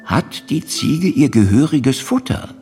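A man's voice: medium pitch, very animated, slow, pitched above the performer's own voice. Man playing a stern old fairy-tale tailor. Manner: loud scolding. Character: old tailor, stern and hot-tempered father. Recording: music behind.

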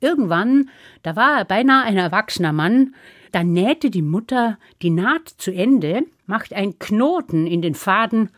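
A woman telling a fairy tale to children in a lively, playful way, acting out the characters with big swings in her voice. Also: medium pitch, measured pace, dry recording, studio quality. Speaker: storyteller. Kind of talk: storytelling for children.

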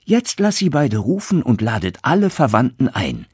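A man's voice: fairly low pitch, wildly swooping pitch, a little slow, breathy edge, no room sound, clean studio sound, pitched above the performer's own voice, full character voice. A man voicing a proud, stern young craftsman in a fairy tale, declaiming boldly. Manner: bold, boastful declaiming.

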